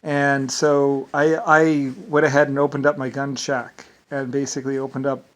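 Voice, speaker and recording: With medium pitch, a level tone and moderate pace, a man from the United States who has an Irish-sounding lilt meanders casually, repeatedly saying "basically" as he rambles.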